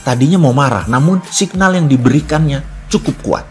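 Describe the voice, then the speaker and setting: A man's voice: mid-range voice, lively intonation, normal speed, faint music behind. A man in his fifties from Indonesia, narrating a personal story in a scripted motivational talk with a reflective tone. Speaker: businessman giving a motivational talk.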